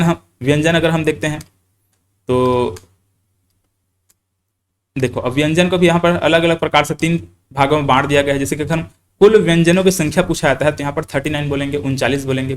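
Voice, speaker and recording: Young male teacher quizzing and repeating points. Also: a little high. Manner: quizzes listeners with questions he then answers himself; repeats key points and fills with "thik hai". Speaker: exam-prep teacher. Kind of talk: recorded grammar lesson.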